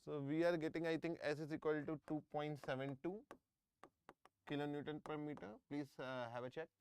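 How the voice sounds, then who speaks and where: Recorded on a close microphone with a little hiss or hum, an engineering exam tutor leads a live online class. He's a middle-aged man with an Indian English accent whose voice sits on the high side, level and a little mellow, moving fairly quickly. He often repeats himself and checks in with students.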